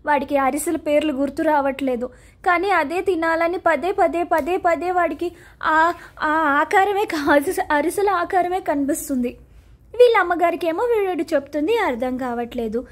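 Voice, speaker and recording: A woman narrating a children's story in an unhurried, gentle way. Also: very high-pitched.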